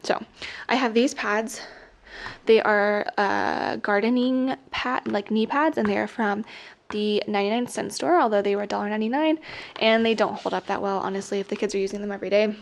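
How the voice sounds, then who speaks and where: A young woman teacher and vlogger walks a camera around her classroom indoors, giving a casual, rambling tour while slightly out of breath. Her mid-range voice is gravelly and steady in tone, a little fast, and full of "like" fillers.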